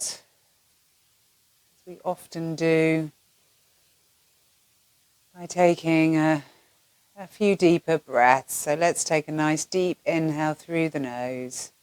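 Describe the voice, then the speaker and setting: A woman teaches yoga nidra, guiding a relaxation in a soothing, gentle manner with long pauses between phrases. Her voice is low-pitched and clean, in a dry recording.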